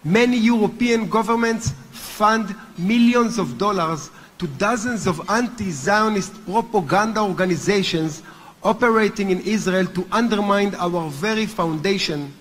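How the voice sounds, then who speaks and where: Speaking as a movement's chairman at a conference, a man whose native language is Hebrew addresses a large hotel hall in a heavily accented, earnest and deliberate manner, with the odd restart. Long hall reverb surrounds his high-pitched, fairly bright voice.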